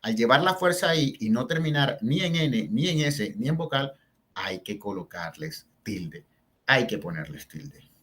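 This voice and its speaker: A male teacher walks through spelling rules step by step. He slows down to stress each example word and keeps checking in with short questions. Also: medium pitch, lively intonation, a bit bright. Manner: explains step by step, asks "¿verdad?" and "¿sí?" to check in. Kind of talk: spelling and grammar lesson.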